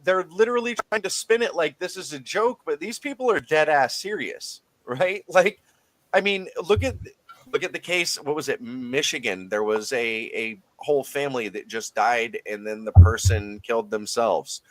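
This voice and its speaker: A man's voice: fairly high pitch, animated, moderate pace, no room sound. A man co-hosting a heated political talk show, rambling and swearing, repeating words as he goes. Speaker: co-host. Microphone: call line cutting in and out.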